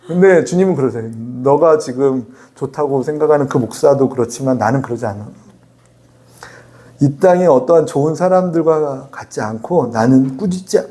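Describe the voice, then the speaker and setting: A male pastor delivering a sermon, lively and chatty, acting out quotes and laughing at his own asides. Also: fairly high pitch. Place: church sanctuary.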